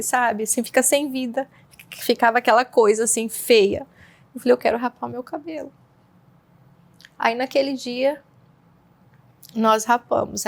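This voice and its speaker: A woman telling her personal story in an interview, speaking haltingly with frequent restarts and fillers. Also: on the high side, vocal fry. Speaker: interview guest. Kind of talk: personal testimony in conversation.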